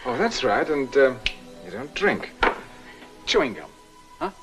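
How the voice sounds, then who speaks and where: A middle-aged actor playing a suave American scholar and host, with a wry, urbane manner, in 1960s film acting. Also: male voice, medium pitch, sing-song, unhurried, over music.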